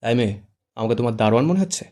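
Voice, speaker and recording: A man's voice: medium pitch, lively intonation, racing, a little mellow, natural voice. A man doing a cocky, teasing young man. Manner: cool, teasing and playful.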